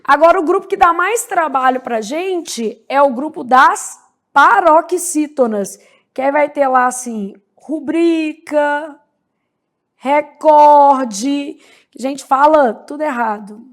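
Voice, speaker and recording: Woman teaching grammar; high, slow delivery, checks in with her class after every point. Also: fairly bright tone. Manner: slow, spells out words syllable by syllable, frequent "né?" and "beleza?". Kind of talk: grammar lecture.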